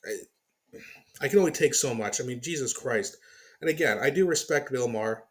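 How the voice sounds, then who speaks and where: Speaking briskly at medium pitch with lively intonation, a man hosts his own commentary channel. He rants in exasperated disbelief at a clip, swearing freely and sounding incredulous, before winding down to sign off to his viewers.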